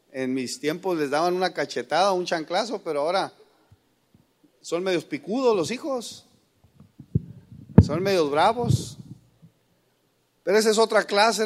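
A man's voice: sits high, a little slow, pauses often. A middle-aged man with a Mexican accent preaching a sermon as a pastor, folksy and joking, calling his listeners brothers.

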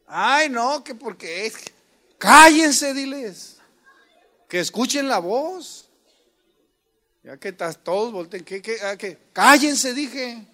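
A middle-aged man, a pastor giving a humorous sermon; he jokes with the congregation, calls them brothers, and suddenly shouts quoted commands. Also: very high voice, animated, slow, long pauses.

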